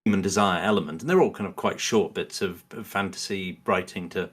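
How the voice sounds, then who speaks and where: Low-voiced and fairly bright, the man talks a little fast while appearing as a podcast guest. He meanders through his views in easygoing conversation, qualifying everything and voicing made-up quotes.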